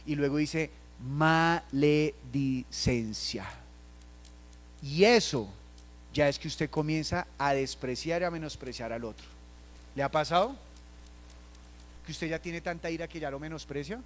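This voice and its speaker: A Colombian pastor delivers a sermon in a fairly high voice. He acts out little scenes in quoted voices and swings from hushed asides to loud bursts. A faint hum sits under the recording.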